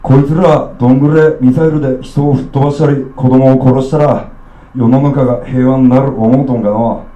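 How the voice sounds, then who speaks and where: A man doing a gruff drunk uncle with an Okayama accent. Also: mid-range voice, steady tone, fairly quick, mellow, echoey room, dull audio, close to an everyday voice. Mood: indignant. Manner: blunt, rough dialect rant. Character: gruff drunk middle-aged uncle lecturing a child.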